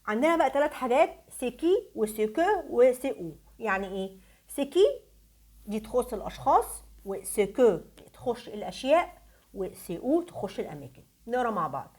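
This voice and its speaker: Tired-voiced Egyptian woman teaching, lively. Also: on the high side, a little fast. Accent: Egyptian Arabic. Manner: animated, asks pupils rhetorical questions. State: tired, strained voice. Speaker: French teacher. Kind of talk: grammar review lesson for pupils.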